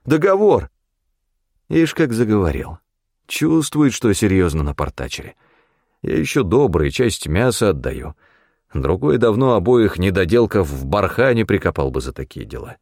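A man reading a first-person audiobook in a steady, matter-of-fact storytelling manner. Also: low voice, gravelly, dry recording, clean studio sound. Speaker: audiobook narrator.

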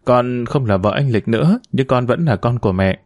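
A man reading the lines of a gentle, devoted young woman who speaks softly but is quick to protest. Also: mid-range voice, lively intonation, no room sound, clean studio sound, lightly acted. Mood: earnest. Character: gentle, devoted young former daughter-in-law.

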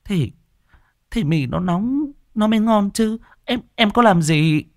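A man voicing a frightened, abused young wife who pleads and stammers in a much higher voice. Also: expressive, takes it slowly, dry recording, studio quality, heavily acted. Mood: frightened pleading.

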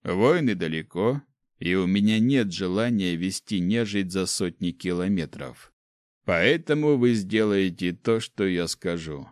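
A man playing a cold, scornful ancient dark mage who speaks slowly and mockingly in an audiobook. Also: sits low, animated, no room sound, studio quality. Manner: slow, mocking, detached. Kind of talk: audiobook character voice.

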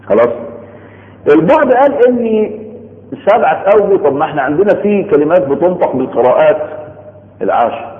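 A man's voice: on the high side, very animated, brisk, pauses often. A man with an Egyptian Arabic accent gives a religious studies lecture. He explains step by step, repeats his points and keeps checking that his listeners are following. The recording rings with a long hall echo and sounds thin and phone-like. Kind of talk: Egyptian colloquial lecture on Quran sciences. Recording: echoey hall on a tinny phone-like line.

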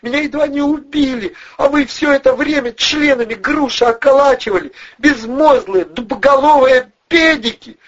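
A woman's voice: moderate pace, few pauses, dull audio, natural voice. Shrieking hysterical blonde woman, as a man puts her on. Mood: shrieking furious. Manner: screeching high falsetto, yelling insults.

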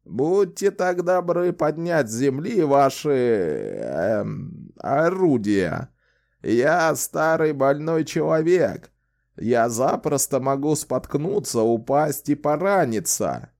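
A man voicing a sly, wry old male wizard who talks in a slow, theatrical, teasing way in an audiobook. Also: a little high, lively intonation, gravelly, darkish tone, voice pushed up, heavily acted. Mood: mocking politeness. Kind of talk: audiobook character voice.

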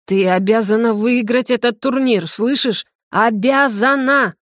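A woman's voice: on the high side, a little slow, no echo, studio quality, lightly acted. A woman voicing an irritable, hungover male academy rector who scolds and lectures in an audiobook. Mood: stern. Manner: stern, scolding.

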